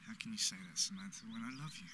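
A man's voice: mid-range voice, expressive, quick pace, vocal fry, pushed and bright, slight background noise, exaggerated voice. A man playing an obsessive, lovesick stalker in a drama, insistent and intense, pleading with menace. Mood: obsessive, disappointed. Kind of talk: dramatic dialogue acting.

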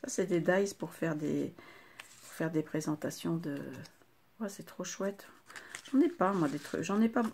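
A woman's voice: fairly low pitch, a little slow, darkish tone, a little hiss or hum. An older woman hosting a craft video, chatting casually to viewers and gushing with delight over each item she unwraps. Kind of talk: casual unboxing chat to viewers.

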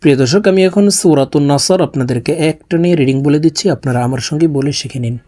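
A woman teaching Quran reading, chanting verses word by word in long drawn-out phrases and explaining the rules. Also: low-pitched, dark tone. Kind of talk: melodic Quran recitation with spoken tajweed explanations.

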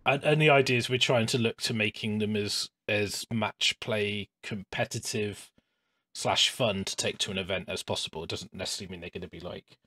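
Man, podcast host, fairly low voice, dry close sound, relaxed chatty delivery. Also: a little fast, no room sound. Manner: relaxed and chatty, with frequent "um" and restarts. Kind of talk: casual podcast chat. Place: home hobby room.

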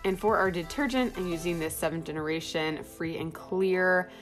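A woman's voice: fairly low pitch, moderate pace, over music. A young woman talking casually as a home vlogger, narrating her cleaning routine in a chatty, friendly way with lots of fillers.

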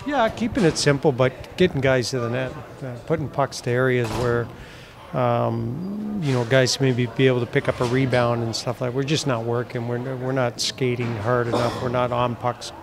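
A man's voice: medium pitch, moderate pace, noisy background. A man in his fifties, a hockey head coach giving a postgame press interview in a blunt, plain-spoken way with many fillers, recorded on a handheld mic in front of an indoor press backdrop. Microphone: handheld mic held near the chin.

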